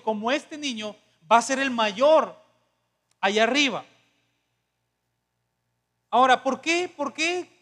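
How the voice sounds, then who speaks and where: A male pastor delivers a sermon in an unusually high voice. He preaches in a conversational way, often turning to the congregation with questions. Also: bright, forceful tone.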